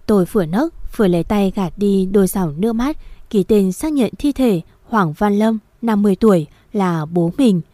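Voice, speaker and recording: A woman reading a first-person story aloud in a steady, somber storytelling manner. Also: mid-range voice, moderate pace, no room sound. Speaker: narrator.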